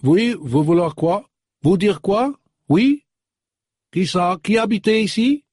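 A man reading an audiobook, voicing a woman with a strong foreign accent who speaks in broken, halting phrases. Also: high voice, dry recording, clean studio sound, voice pushed up. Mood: puzzled. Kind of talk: audiobook character voice.

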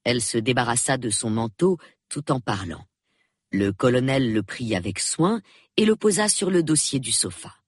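A man reading a novel aloud as audiobook narrator, measured and expressive, close to the mic. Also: medium pitch, breathy edge, dry recording. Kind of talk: scripted narration.

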